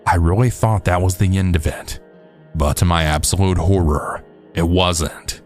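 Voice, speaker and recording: A man narrating true scary stories in a steady, measured storytelling voice. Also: deep voice. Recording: faint background music.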